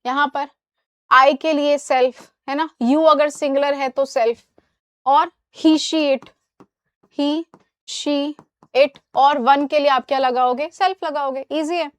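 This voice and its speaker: A woman English teacher giving a live online class, explaining in Hindi and reading English examples slowly, often checking that students follow. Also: sits high, steady tone, no echo. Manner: asks students questions and checks understanding.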